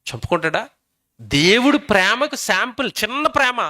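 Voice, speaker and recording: A man preaches a sermon, firing emphatic questions at his listeners. His voice is high-pitched and bright. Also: very animated, normal speed. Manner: emphatic, keeps quizzing the audience.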